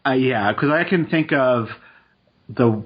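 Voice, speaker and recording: Husky guy chatting on a podcast, kinda muffled lo-fi sound, relaxed. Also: medium pitch. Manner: relaxed, laughs easily, quick asides. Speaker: podcast co-host. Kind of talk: casual chat, reading statistics aloud.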